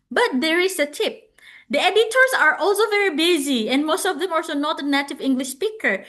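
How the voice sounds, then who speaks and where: A woman's voice: sits high, a bit bright. A woman from Indonesia with an Indonesian accent, a non-native English speaker giving an online lecture, explaining step by step and often repeating and restarting her words. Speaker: webinar speaker.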